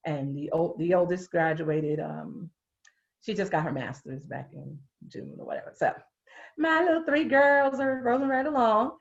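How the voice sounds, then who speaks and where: A woman's voice: lowish voice, moderate pace, creaky. Chatty Brooklyn woman in her fifties, muffled. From Brooklyn, New York. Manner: relaxed, chatty, laughs often, drops into casual slang. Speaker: interview guest, educator. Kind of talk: casual interview chat. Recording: muffled lo-fi audio.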